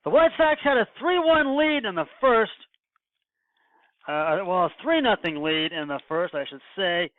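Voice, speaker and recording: A man hosting his own sports podcast alone, talking in a halting way with many fillers and restarts. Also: sits high, very animated, no room sound. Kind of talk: solo sports podcast monologue. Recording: dry, tinny phone-like sound.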